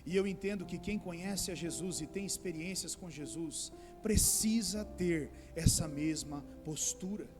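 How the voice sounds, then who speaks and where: A man's voice: high-pitched, unhurried, few pauses, music in the background. A man pastor preaching a sermon, addressing the congregation as brothers and rising into pleading outbursts.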